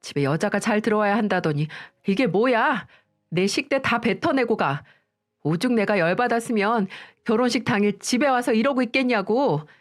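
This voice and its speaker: A woman voicing a spoiled young sister-in-law who yells indignantly in a storytelling audio drama. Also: mid-range voice, lively intonation, normal speed, pitched above the performer's own voice, lightly acted. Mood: furious. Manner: yelling, indignant.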